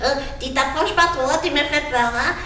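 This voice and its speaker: A timid little pig puppet giggles and frets about being eaten, as a woman puts it on. The voice is high and rings in the room. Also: moderate pace, bright, forceful tone. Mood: nervous. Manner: nervous, giggly. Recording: echoey room, faint noise.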